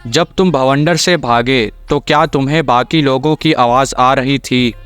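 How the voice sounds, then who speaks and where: Man voicing a scheming young sorceress, calm, persuasive, smooth clear voice, anime recap. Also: mid-range voice, unhurried, faint music behind, close to an everyday voice.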